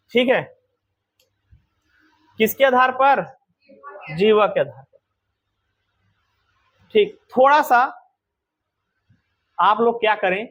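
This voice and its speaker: A man's voice: very high voice, a bit bright. A man teaching a grammar lesson to a class, quizzing students with repeated questions.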